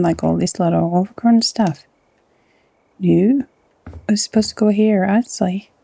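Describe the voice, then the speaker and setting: Soft-spoken Norwegian woman gaming. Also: medium pitch, vocal fry, breathy edge, no echo. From Norway. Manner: chatty, often drops to a soft half-whisper. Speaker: gaming channel host. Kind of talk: casual let's-play commentary.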